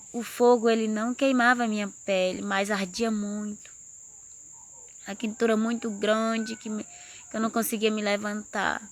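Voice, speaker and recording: A woman earnestly tells a personal religious testimony, her storytelling building in intensity. Her voice is medium-pitched and creaky, with no room sound.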